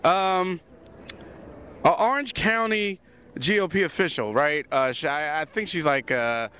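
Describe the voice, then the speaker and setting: A man's voice: on the high side, a little slow, sharp tone, a little hiss or hum. A man hosting a casual talk show recorded outdoors in a city park, loose and repeating words as he thinks. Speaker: host.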